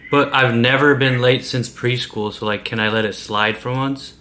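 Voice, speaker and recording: A man's voice: medium pitch, steady tone, moderate pace, pushed and bright. A man in his twenties making a casual prank phone call, posing as an employee in a hesitant, pleading, innocent way. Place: small indoor room.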